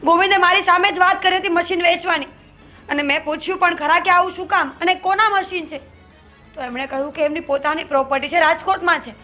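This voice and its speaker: A woman's voice: very high voice, fairly even intonation, fast talker, pushed and bright, faint music behind. An actress playing a loyal young wife who earnestly pleads with her husband and family in a family film drama. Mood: anxious, earnest.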